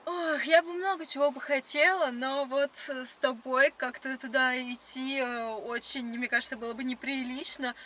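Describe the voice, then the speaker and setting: A woman's voice: sits high, steady tone, moderate pace, few pauses, sharp tone. A young woman in casual conversation on a date, asking insistent, sardonic, challenging questions. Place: in a car. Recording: slightly distant mic, faint noise.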